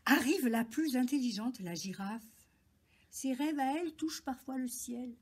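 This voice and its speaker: A woman reading a children's story aloud in a lively, animated way. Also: sits high, moderate pace, slightly rough.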